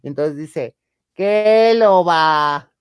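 A man with a Mexican accent telling a comic anecdote in a campy, theatrical way, acting out the women he quotes in a higher voice and laughing often. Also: drawn-out words, smooth, dry recording, studio quality. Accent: Mexican Spanish. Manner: laughs often mid-story. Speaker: storyteller on a chat show.

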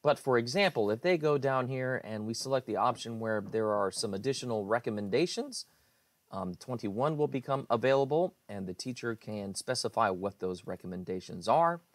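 A man's voice: mid-range voice, lively intonation, moderate pace, dry recording. A man, an IT director, explains website changes in a screencast walkthrough, speaking plainly with frequent fillers. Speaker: IT director presenting website updates.

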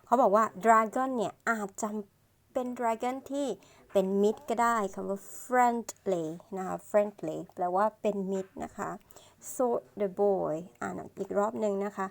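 A woman with a creaky, mid-range voice reads an English storybook aloud one line at a time. Like a teacher, she patiently explains each part, speaking slowly and ending her phrases with polite particles.

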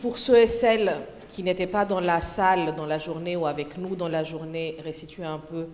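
A woman's voice: fairly low pitch, fairly even intonation, a little mellow. A woman with a French accent giving a hesitant, filler-heavy introduction as a conference organizer in a large lecture hall. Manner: hesitant, many fillers, halting in English. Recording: roomy hall with long reverb, faint noise.

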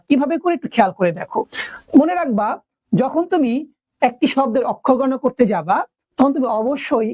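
A young woman teacher giving a video lesson, asking her students questions and drawing out words slowly to count their syllables. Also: sits high, dark tone, no room sound.

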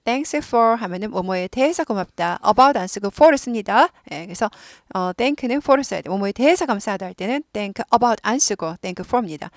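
A woman's voice: medium pitch, lively intonation, unhurried, few pauses, no echo, studio quality. A woman with a Korean accent, explaining English grammar patiently and repeating words so listeners can drill along. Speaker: English teacher.

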